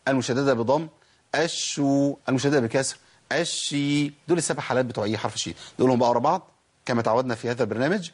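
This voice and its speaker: A man with an Egyptian accent teaching Quran recitation. He asks questions and answers them himself, and stretches out letters slowly to demonstrate how they are pronounced. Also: mid-range voice, slightly rough. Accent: Egyptian Arabic. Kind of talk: recorded recitation lesson.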